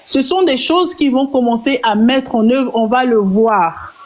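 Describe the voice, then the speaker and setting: A woman's voice: on the high side, unhurried, a little mellow. Insistent woman commentator. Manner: insistent, repeats for emphasis. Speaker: guest commentator. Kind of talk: political discussion.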